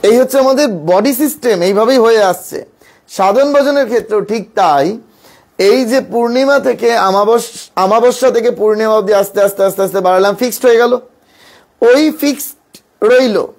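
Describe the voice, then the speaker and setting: A man with a notably high voice gives a devotional teaching as a monk. He speaks in calm, measured phrases and repeats words for emphasis. His voice often sinks low and slows on the points that matter most. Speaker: monk teaching spiritual practice.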